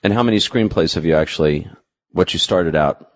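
Very deep-voiced male interviewer. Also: a little fast. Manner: easygoing, teasing questioner. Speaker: interview host. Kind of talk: casual interview chat.

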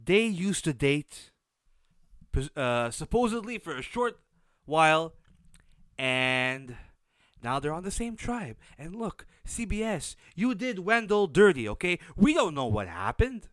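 Animated, nasal, congested man, higher-pitched. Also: measured pace, no room sound, clean studio sound. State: blocked nose from sinus issues. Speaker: host of a TV show recap. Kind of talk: casual solo recap commentary.

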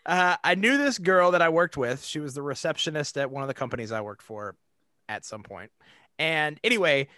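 A man's voice: high voice, sharp tone, no echo. A man casually chatting as a podcast co-host, rambling with lots of fillers and laughing easily. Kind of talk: casual chat.

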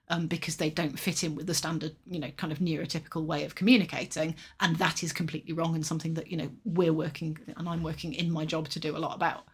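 Fast-talking husky woman. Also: low-pitched. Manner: rapid, talks over her partner, restarts often. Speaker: podcast co-host. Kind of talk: casual chat.

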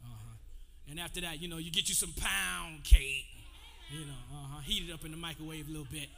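A man in his forties preaching to his congregation, his voice sitting high. He moves between call-and-response and a loose, conversational telling of his testimony. The sound rings out with a long reverb from the church hall. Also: brisk, gravelly, pushed and bright. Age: 40s. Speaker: pastor. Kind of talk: sermon. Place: church sanctuary.

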